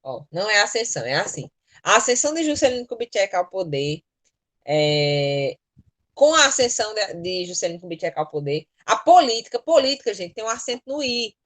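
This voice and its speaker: A woman's voice: medium pitch, very animated, a little fast. A Brazilian woman teaching an online class, explaining spelling rules patiently and step by step into a computer mic. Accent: Brazilian Portuguese. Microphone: computer mic in a virtual class.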